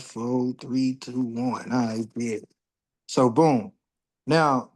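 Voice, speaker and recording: With a mid-range voice and darkish tone, this man in his forties hosts an astrology livestream. He swears freely, keeps things casual and blunt, and gets fired up when he starts ranting.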